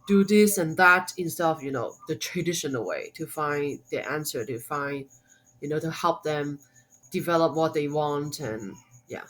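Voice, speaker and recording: A woman's voice: low-pitched, fairly bright tone, rough recording. A woman from Hong Kong with a Hong Kong accent, a guest on a podcast interview, speaking English as a second language with many fillers and restarts. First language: Cantonese. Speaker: guest, homeschooling mom and blogger.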